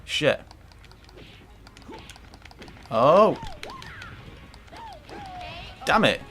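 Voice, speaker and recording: A man's voice: on the high side, very animated, extremely slow, fairly bright tone. A man commentating a fighting game playthrough, rambling and swearing often, with game music faint behind. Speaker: gaming commentator. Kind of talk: let's play commentary.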